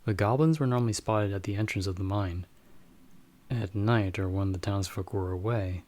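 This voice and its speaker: For this ASMR roleplay, the performer gives a calm, watchful bounty hunter who knows monsters and magic a fairly low, natural male voice, a little mellow. He explains things to his companion in a measured, somewhat formal manner.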